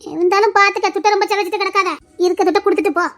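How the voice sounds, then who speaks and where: A woman playing a sharp-tongued village mother-in-law who scolds and demands in a family drama skit. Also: very high voice, fairly even intonation, rapid-fire. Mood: worried.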